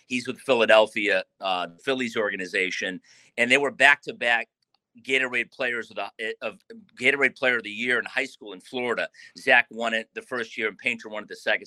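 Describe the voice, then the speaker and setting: A man talks through an interview in a loose, rambling manner, circling back and restarting his sentences. His voice is very bright and forward, and the sound is dry and close. He speaks as a baseball manager discussing his players. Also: medium pitch, dry recording. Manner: relaxed, rambling, with frequent restarts and fillers. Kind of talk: interview answers.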